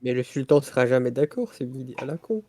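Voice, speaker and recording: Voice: mid-range voice, expressive, fast, a little mellow. A player in a tabletop game, chatting in a dry, blunt way. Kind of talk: casual chat at a game table.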